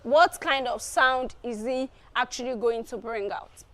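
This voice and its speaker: A woman teacher walks through an exam preparation lesson. Her voice sits high, and she talks slowly, circling back to repeat phrases as she explains. She leans on small fillers between points. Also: a bit bright.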